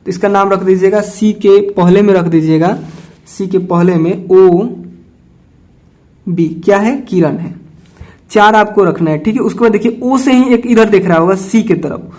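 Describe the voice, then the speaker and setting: A young man from India teaches school maths. His voice sits high for a man, and he walks through each textbook problem step by step. He keeps checking in with the class and asks questions before he answers them. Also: normal speed, a little mellow. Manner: patient, repeats "ठीक है" and asks himself questions. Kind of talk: solving textbook exercises step by step.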